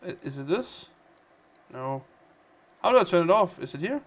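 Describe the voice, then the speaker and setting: A man's voice: high-pitched, sing-song, moderate pace. A man with a Danish accent hosting a casual gaming livestream, chatty and playful as he reads out and answers viewer comments. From Denmark. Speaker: livestream host.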